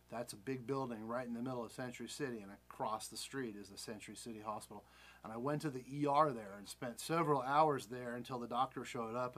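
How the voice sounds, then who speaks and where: A man in his forties with an American accent and an average-pitched voice talks casually about his own life. He is candid and rambling, repeating himself and correcting details as he goes. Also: fairly bright tone. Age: 40s. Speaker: vlogger. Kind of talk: casual personal storytelling.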